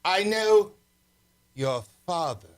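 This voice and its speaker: Man acting menacing prince, high-pitched voice, commanding, theatrical, radio adventure serial. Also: expressive, slow, clear, resonant tone.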